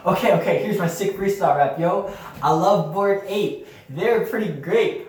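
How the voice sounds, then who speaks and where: A man's voice: high-pitched, normal speed, a little mellow, natural voice. A young man acting as a clueless, boastful job applicant in an amateur comedy sketch, cheerfully oblivious and proud of his bad answers. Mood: hyped. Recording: very echoey room, mic far off.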